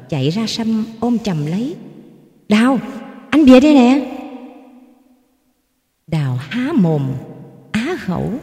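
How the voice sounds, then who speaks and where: An expressive storyteller whose pitch swings widely, in a mellow, dark tone. The reading rings in an echoey room with a long reverb tail. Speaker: narrator. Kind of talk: dramatic storytelling.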